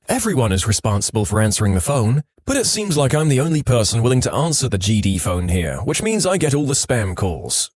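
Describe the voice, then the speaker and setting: A man with a mid-range voice reads online stories as scripted podcast narration, telling them in an animated way. He sits close to the microphone, and there's no echo.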